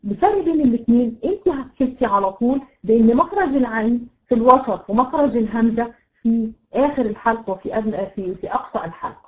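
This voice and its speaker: An Egyptian woman teaching a tajweed lesson online to women students, explaining patiently and demonstrating letter sounds slowly. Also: fairly high pitch, lively intonation, a little mellow, low-quality recording. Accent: Egyptian Arabic. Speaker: Quran recitation teacher.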